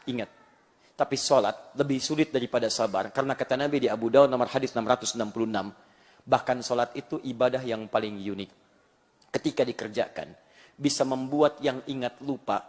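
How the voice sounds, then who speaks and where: Lively joking male preacher in echoing hall. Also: a little high. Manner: animated and joking, acts out everyday quotes; quotes Arabic verses and hadith. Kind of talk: live sermon to a congregation. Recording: long hall reverb.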